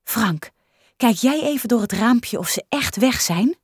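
A patient kindergarten teacher who coaxes her class along with gentle words, read by a woman. The voice swings lively up and down at an unhurried pace. It sounds close and dry in a storybook reading. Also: a little high, husky, no echo, voice pushed up. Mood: coaxing. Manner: gentle, coaxing.

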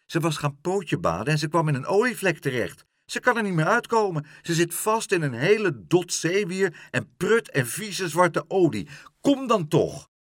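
A man voicing a frantic male seagull with a wooden leg, shouting shrilly in a children's story. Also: fairly high pitch, very animated, takes it slowly, breathy edge, no room sound, studio quality, voice pushed up, full character voice. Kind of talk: storybook reading.

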